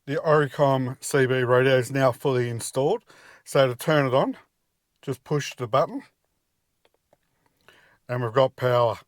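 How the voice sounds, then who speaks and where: Working between a car's engine bay outdoors and the vehicle's cab, a middle-aged man gives plain, practical DIY instructions in a relaxed way. His mid-range voice moves at a measured pace with long pauses. The audio is dry and studio quality.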